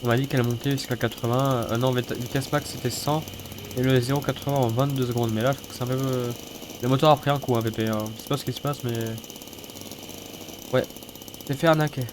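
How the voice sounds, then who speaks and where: Speaking fast in a steady, medium-pitched voice, this man is a gaming video host nursing a head cold, his nose stuffy and sniffly. He swears and mock-grumbles his way through casual let's-play commentary. Game car engine noise and mechanical rattling fill the noisy recording.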